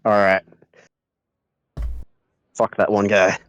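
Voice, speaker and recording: A congested man narrating as game master, halting with many restarts and fillers, who keeps clearing his throat. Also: lowish voice, level tone, fairly bright tone, highs cut off.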